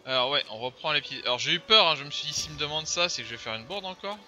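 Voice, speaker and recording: A man's voice: a little high, lively intonation, racing, pushed and bright. A man giving casual, rambling let's play commentary. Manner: chatty, rambling, filler-heavy. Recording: dull lo-fi voice over game music.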